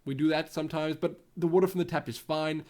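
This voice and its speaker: This YouTube gaming host, a young South African man with a Western Cape accent, rambles through a casual Q&A vlog while thinking aloud. His voice is fairly high and darkish, with fairly even intonation and a quick pace.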